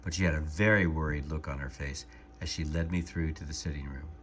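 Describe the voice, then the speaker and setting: A man calmly and gently reading a storybook aloud as narrator. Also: very deep voice, a little hiss or hum. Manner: calm, gentle, measured narration.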